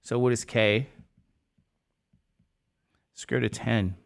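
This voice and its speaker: A man teaching a math class, lecturing with quick questions to the students that he answers himself. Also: medium pitch, steady tone, gravelly, smooth.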